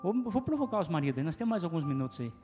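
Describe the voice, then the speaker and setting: A man's voice: on the high side, very animated, rapid-fire, dark tone, long reverb tail, soft background music. A man with a Brazilian Portuguese accent preaching a sermon in a church, full of rhetorical questions and call-and-response with his listeners. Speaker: pastor. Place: church hall.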